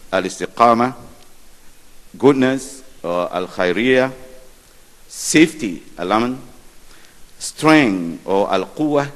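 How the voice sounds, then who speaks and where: Man, conference moderator, low voice, slow and measured, long hall reverb. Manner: measured, with light asides. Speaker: session moderator.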